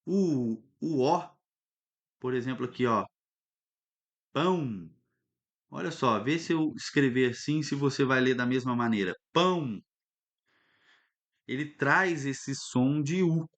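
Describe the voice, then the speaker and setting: A man teaching a recorded lesson, lively and instructive, often stopping to check that students follow. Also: medium pitch, unhurried. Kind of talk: recorded online lesson at a whiteboard.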